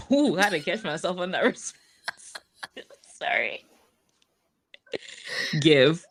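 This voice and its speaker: A woman's voice: lowish voice, sing-song, slow pace. A woman being interviewed in a casual podcast chat, playful and blunt, laughing often. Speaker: podcast guest.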